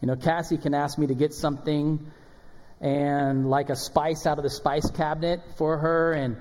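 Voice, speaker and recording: Pastor preaching in a reverberant church. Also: male voice, on the high side, flat delivery, moderate pace. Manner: conversational, storytelling with acted quotes and soft drops in volume. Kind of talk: sermon. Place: church sanctuary. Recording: long hall reverb of a church.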